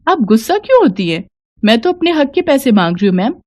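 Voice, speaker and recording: A woman's voice: fairly high pitch, sing-song, quick pace, voice pushed up. A woman voicing a poor older widow who pleads plaintively for her money. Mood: pleading.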